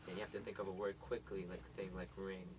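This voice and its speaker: Teenage boy, student rapper, casual, fillers everywhere, lowish voice, faint noise. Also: little pitch movement, fast talker. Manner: casual, says "like" constantly. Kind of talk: radio interview.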